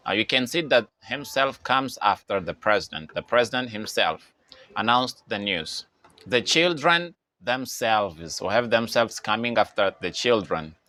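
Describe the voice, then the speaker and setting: A man teaching an English grammar lesson, slowly repeating each phrase for learners. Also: medium pitch, pushed and bright. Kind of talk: slow, deliberate grammar lesson.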